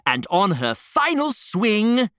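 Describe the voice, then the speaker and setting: A man voicing an excitable male hedgehog who helps tell a storybook tale in a playful, eager manner. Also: high-pitched, slow, clear, resonant tone, pitched above the performer's own voice, heavily acted.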